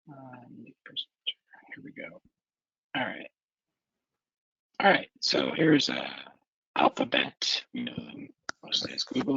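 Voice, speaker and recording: A man's voice: mid-range voice, vocal fry, sharp tone, breathy edge, no room sound, highs cut off. A man presenting a stock report on a video call, his voice garbled and glitching through wireless earbuds. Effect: garbled, glitching audio through wireless earbuds. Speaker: investment club member presenting a stock report.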